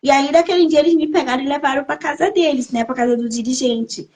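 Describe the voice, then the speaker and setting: A high-pitched woman in her thirties shares her personal testimony as a podcast guest. She tells the story with strong emotion and comes back to key phrases again and again to drive them home. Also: fast, darkish tone.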